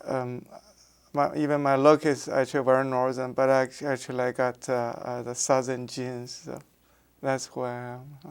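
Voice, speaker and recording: In an oral history interview, an architecture professor in his sixties from Beijing, China, speaks with a clear, resonant, medium-pitched voice at normal speed and a level tone. Mandarin is his first language, he has a Beijing Mandarin accent, and he hesitates and restarts often.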